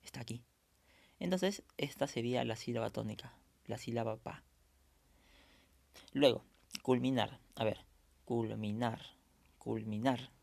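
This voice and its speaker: A man's voice: mid-range voice, animated, vocal fry, darkish tone, no echo. A man teaching a language class online, patiently repeating and sounding out words for students. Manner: patient, repeats words slowly to model pronunciation.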